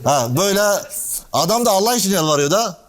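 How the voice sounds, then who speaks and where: A male preacher with a fairly high voice tells a religious story to a small gathering. He acts out the characters' lines with lively shifts in pitch and turns now and then to speak to listeners by name. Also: fast talker. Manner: animated storytelling, acting out dialogue with shifting pitch; addresses listeners directly by name.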